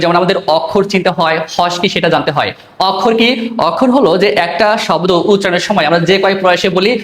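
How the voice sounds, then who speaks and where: Fast-talking high-voiced male teacher. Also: echoey room. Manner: explains step by step, asks and answers his own questions. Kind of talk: exam-prep lesson.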